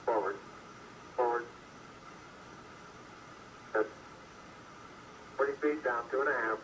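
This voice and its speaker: A man's voice: medium pitch, a bit bright. A man giving terse, clipped technical callouts over a crackly space radio transmission. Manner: clipped, rapid number readouts. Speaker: astronaut calling out a landing.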